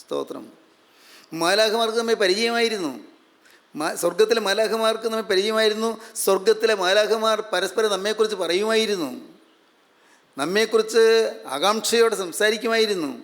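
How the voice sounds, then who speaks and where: High-pitched man preaching, lots of repeating and questions, long hall echo. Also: fairly bright tone. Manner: repetitive, emphatic preaching with rhetorical questions. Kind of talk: sermon.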